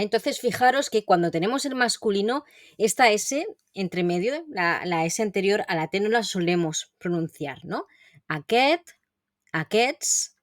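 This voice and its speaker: A woman teacher explaining grammar in an online lesson, clear and patient, saying example sentences slowly and carefully. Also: medium pitch, dry recording, clean studio sound. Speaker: Catalan language teacher.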